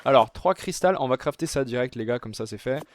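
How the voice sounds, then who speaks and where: Animated and fairly quick, a young YouTuber narrates his gameplay in a mid-range voice, chatting constantly and calling his audience "les gars." Fillers pepper his casual commentary, and a little hiss or hum sits under the audio.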